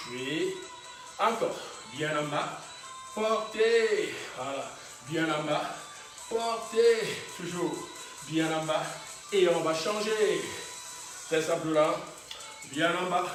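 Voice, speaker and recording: Faint music and heavy echo fill this distant recording of a fitness class. The instructor, a man with a high-pitched, fairly bright voice, calls out quick encouraging exercise cues and chuckles often.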